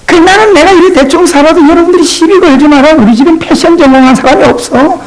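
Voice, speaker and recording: A male pastor preaching a sermon, talking straight to his congregation in a playful, animated way. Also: extremely high pitch, fast talker, rough recording.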